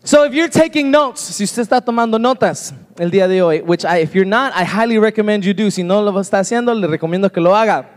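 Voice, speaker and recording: A man pastor preaching a sermon in a church, lively and joking with the congregation. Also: high-pitched, quick pace, few pauses, long reverb tail. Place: church sanctuary.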